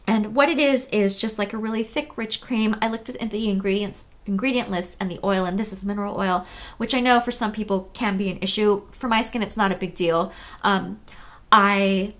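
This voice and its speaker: A woman's voice: medium pitch, moderate pace. Chatty woman vlogger sharing skincare tips. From United States. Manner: chatty, relaxed, frequent fillers and self-corrections. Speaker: beauty vlogger. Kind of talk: casual beauty tutorial.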